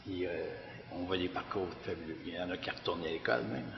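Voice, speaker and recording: A man's voice: sits low, fast talker, vocal fry. A man with a Québécois accent, director of a community garden, giving a hesitant public talk with many fillers and restarts. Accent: Québécois French. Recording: echoey hall, dull lo-fi sound.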